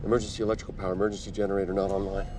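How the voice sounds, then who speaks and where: A man's voice: low voice, little pitch movement. Man calling a cockpit checklist over a headset. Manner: clipped, rapid checklist callouts. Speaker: airline first officer. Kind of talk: reading an emergency checklist aloud. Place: airliner cockpit in flight. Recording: distant, noisy cockpit audio recording.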